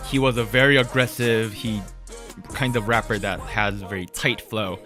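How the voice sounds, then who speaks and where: A man whose first language is Korean co-hosts a music podcast, chatting casually and rambling with many ums, restarts, and self-corrections, laughing at himself. He speaks at a moderate pace in a steady, lowish voice.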